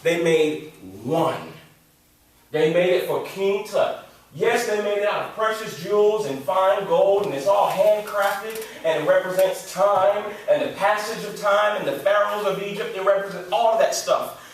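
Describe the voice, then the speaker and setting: Animated high-voiced American man in an echoey hall. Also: unhurried. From Detroit, USA. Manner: animated, slangy, repeats for emphasis. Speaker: youth speaker. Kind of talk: motivational storytelling talk. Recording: echoey hall, distant mic.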